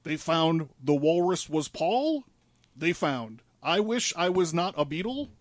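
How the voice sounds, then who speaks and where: A presenter, a man, makes the case for a conspiracy theory in loose, rambling, profanity-laced studio chat. He sounds a little high-pitched and very animated, going a little slowly, with no echo.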